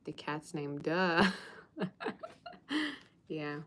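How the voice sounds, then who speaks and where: Speaking extremely slowly in a deep, steady voice, a Russian woman gives a livestream tarot reading; she's chatty and teasing, reads viewer comments out loud, and sings snatches of old songs.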